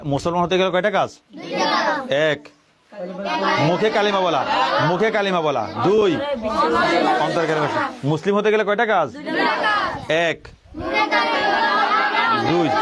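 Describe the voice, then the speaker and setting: A male religious teacher giving a classroom lesson in Bangladeshi Bengali, repeating questions and drilling his pupils to answer back. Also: fairly high pitch. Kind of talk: classroom lesson with call and response. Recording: noisy room with crowd of children.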